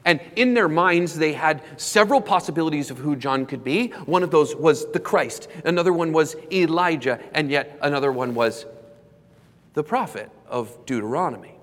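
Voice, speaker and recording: A man preaching a sermon in a church, measured, slowing down and acting out quoted questions for emphasis. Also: a little high, lively intonation. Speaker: pastor. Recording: long hall reverb.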